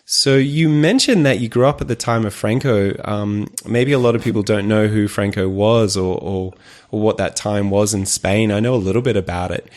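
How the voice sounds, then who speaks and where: Curious low-voiced male podcast host. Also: moderate pace. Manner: enthusiastic, curious questioning. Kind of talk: podcast intro and interview. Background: loud music during intro.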